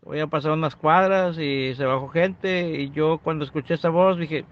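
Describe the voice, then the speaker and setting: A middle-aged man recounts a personal testimony in plain, conversational storytelling. His voice sits a bit high, and the recording sounds dull and lo-fi. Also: moderate pace, a little hiss or hum. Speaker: guest giving a testimony.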